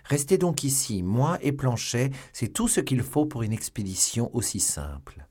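A man's voice: medium pitch, normal speed, breathy edge, voice pushed up. A man voicing a bold, impetuous young musketeer in an audiobook, speaking with lifted energy. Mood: confident. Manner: lively, impetuous.

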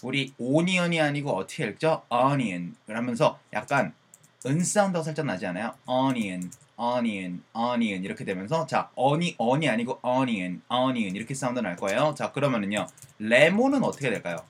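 A man who teaches English pronunciation in an online lesson. He asks questions and answers them himself, and he drills words slowly, repeating each one. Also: medium pitch, sing-song, slightly rough.

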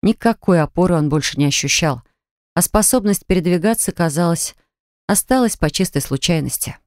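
Measured woman reading a romance novel. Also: on the low side, no room sound, studio quality. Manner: measured, even storytelling. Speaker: audiobook narrator. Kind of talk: scripted narration.

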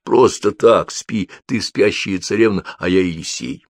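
A man's voice: deep voice, a little slow, no echo, studio quality. A man reading a story aloud, voicing a bold, playful schoolboy with a cheeky, gallant manner.

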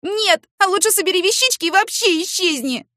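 Woman doing a fiery petite young woman, shrill, indignant, very lively delivery, dry close sound. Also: brisk, no room sound.

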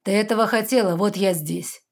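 A woman's voice: mid-range voice, close to an everyday voice. Woman reading a cold commanding male fairy lord. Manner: firm, clipped and slow.

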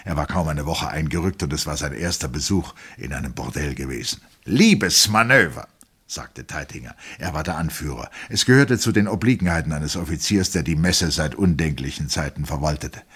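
A man reading a novel aloud as narrator, in calm, even storytelling. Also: rumbling low, a little fast, hardly any pauses, slightly rough.

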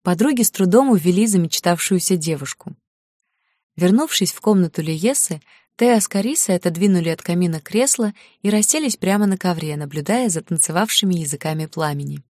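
Low-voiced woman reading a fantasy novel. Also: lively intonation, fairly quick, dark tone, no room sound, clean studio sound. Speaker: audiobook narrator. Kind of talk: scripted narration.

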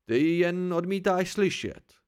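A man's voice: high voice, animated, a little mellow, clean tone. A man reading an audiobook, voicing an irritable, blunt male student friend who scolds. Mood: irritated.

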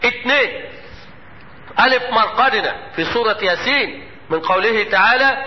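A man with an Egyptian accent teaching Quran recitation rules in a lecture, quizzing his students with quick questions and chanting example verses slowly. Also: sits high, animated, slight background noise. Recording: dull lo-fi lecture hall with long reverb.

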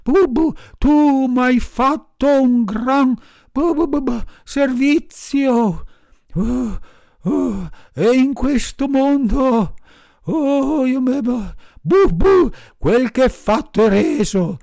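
A man's voice: very high voice, animated, extremely slow, creaky, a little mellow, dry recording, studio quality, pitched above the performer's own voice, heavily acted. A man voicing a panicked male mastiff dog who barks and stammers through his words. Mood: grateful. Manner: barking stammer, pleading wail.

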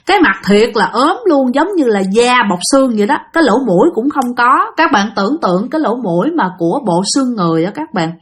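A woman's voice: fairly high pitch, expressive, fast, hardly any pauses. A woman narrating a ghost story dramatically, speaking straight to her listeners. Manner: dramatic, addresses listeners directly.

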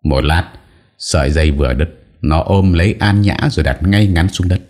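A man's voice: low voice, normal speed, a little mellow. A man narrating an audio story in a dramatic storytelling manner.

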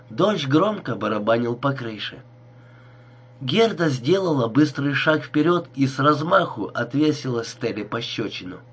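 A man's voice: medium pitch, husky. A man narrating a crime story audiobook in a tense, dramatic reading.

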